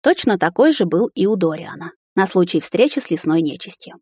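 A woman narrates a fantasy audiobook in a steady, measured way. Her voice sits low and sounds dry and close, with no room around it. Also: slightly rough, no echo.

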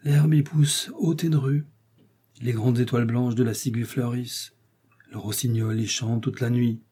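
A man voicing a lonely, centuries-old male ghost who speaks sadly, in a hushed and dreamy way. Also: mid-range voice, steady tone, a little slow, breathy edge. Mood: sorrowful, dreamy.

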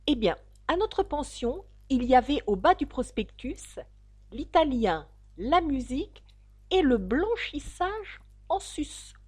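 A woman voicing a sighing, mournful sea creature in a storybook reading, with a lively, plaintive lilt. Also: sits high, slow, dry recording, voice pushed up, exaggerated voice.

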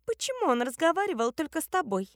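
Casting: woman voicing a tiny jealous sect girl, hissing, high voice, dry close sound. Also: sing-song, fast, dry recording. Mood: suspicious. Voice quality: hissing, snapping. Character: small spiteful jealous young woman, sect member. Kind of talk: audiobook character voice.

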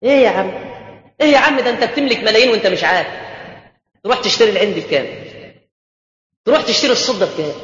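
A male preacher with an Egyptian accent, giving a colloquial mosque sermon full of rhetorical questions and banter. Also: high-pitched. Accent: Egyptian Arabic. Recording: echoey dull mosque hall.

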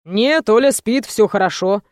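A woman's voice: mid-range voice, a little slow, darkish tone, no room sound, studio quality, close to an everyday voice. A woman voicing a worried middle-aged father calling with urgent news in an audiobook, blunt and direct.

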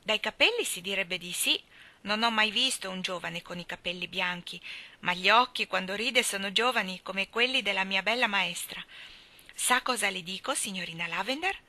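A woman's voice: medium pitch, normal speed, pushed and bright. A woman voicing a curious, solemn little boy who speaks in a confiding, childlike way.

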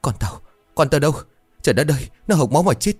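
A man's voice: moderate pace, no echo, faint music behind. A man voicing a frail old village mother who cries out in terror after a nightmare, in a ghost story reading. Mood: panicked. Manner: shrill, frantic cries.

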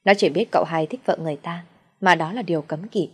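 A woman storyteller narrating a dark folk tale in a steady, even voice. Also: on the low side, fast, husky.

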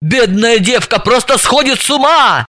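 A woman's voice: fairly high pitch, lively intonation, normal speed, voice pushed up. A woman voicing a bossy, irate female friend who scolds and rants at full volume. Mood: ranting. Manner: shouting, scolding, ranting.

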